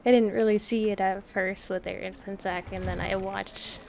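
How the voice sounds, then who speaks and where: A woman's voice: mid-range voice, steady tone, moderate pace, creaky, a little mellow, a little hiss or hum. A young woman playing a video game and chatting casually as a streamer, rambling and thinking aloud. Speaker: gaming streamer. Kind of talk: casual let's-play commentary.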